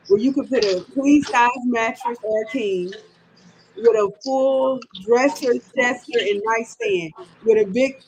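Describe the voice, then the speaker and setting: A woman's voice: a little high, slight background noise, low-quality recording. Ranting woman in her thirties. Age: 30s. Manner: chatty, ranting with emphatic repetition. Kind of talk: casual sports-show chat.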